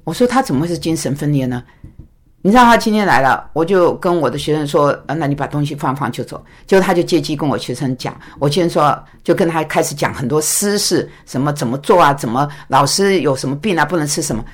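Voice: medium pitch, lively intonation, fast talker. A pastor and teacher giving a recorded talk to a congregation, telling a story with stammered restarts and acted dialogue.

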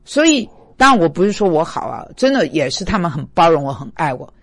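A middle-aged man preaching a sermon as a pastor, animated and full of rhetorical questions at his listeners, dropping English words into his Mandarin. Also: a little high, fast talker, no room sound.

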